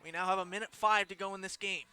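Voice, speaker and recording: A young man giving play-by-play commentary on a high school football game, rising to excited calls on big plays. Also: fast, smooth. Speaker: play-by-play announcer.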